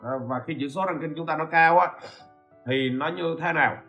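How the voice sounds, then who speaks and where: A man's voice: fairly high pitch, normal speed, highs cut off, faint music behind. A man hosts a podcast lesson, explaining step by step and often stopping to ask listeners if they follow. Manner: asks rhetorical questions and checks in with listeners. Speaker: podcast host teaching e-commerce. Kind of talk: informal spoken lecture.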